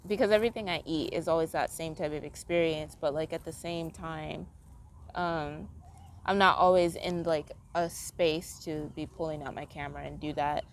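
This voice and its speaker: A woman's voice: deep voice, fairly even intonation, moderate pace, slight background noise. A tired woman chatting casually to camera in a meandering way, filling her talk with "like". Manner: meandering, heavy use of "like" fillers. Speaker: vlogger. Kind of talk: casual rambling monologue.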